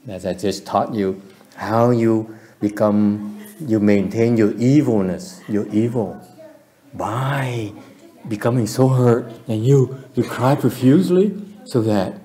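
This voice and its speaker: A man's voice: lowish voice, takes it slowly, warm tone. A man giving a dharma talk as a Buddhist teacher, playful and often laughing, switching back and forth between two languages.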